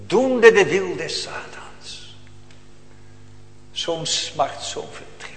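A man preaches a sermon in a high, lifted voice. He swings from loud declaiming down to hushed near-whispers. His words ring out through a church hall with a long echo. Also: lively intonation, drawn-out words, a little hiss or hum. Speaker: pastor.

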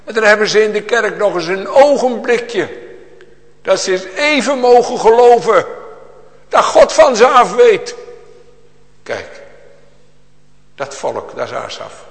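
Pastor, man, slightly high voice, slow dramatic sermon delivery, recorded in a reverberant church hall. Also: very animated. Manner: preaching with big swings of pitch and loudness.

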